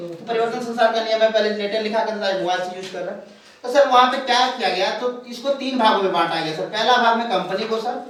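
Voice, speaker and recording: A man's voice: high voice, fairly bright tone, a little hiss or hum. A man presenting a sales seminar to an audience. He calls his listeners "sir" again and again and keeps asking them questions. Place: large echoing room with an audience. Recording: very echoey room, voice far from the mic.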